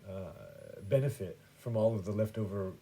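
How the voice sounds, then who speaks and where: A man hosting a podcast, telling a story casually, rambling with many fillers and restarts, swinging between quiet and loud. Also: fairly low pitch, huge pitch swings, moderate pace, gravelly, slight background noise. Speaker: podcast host.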